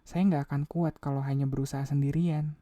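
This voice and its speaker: A man's voice: fairly high pitch, fairly even intonation, a little fast, warm tone, no echo, lightly acted. A man reading a novel aloud, voicing an earnest young man who coaxes and insists. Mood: desperate. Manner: coaxing, insistent.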